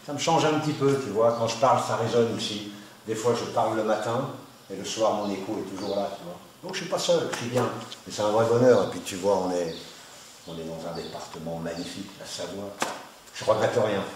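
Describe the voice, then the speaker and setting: A man playing a self-assured artist who talks calmly about his work, his voice ringing with a cathedral echo in a vast hall. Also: on the low side, a little fast. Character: man, successful artist now living in the mountains, friendly and self-assured. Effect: cathedral echo, voice ringing in a vast resonant hall. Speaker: artist, sculptor and painter. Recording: cathedral-like echo, faint noise.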